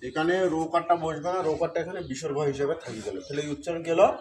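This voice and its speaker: A man teaching Sanskrit pronunciation step by step, repeating syllables slowly and asking questions he then answers himself. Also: a little high, a little mellow. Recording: crowd noise in background.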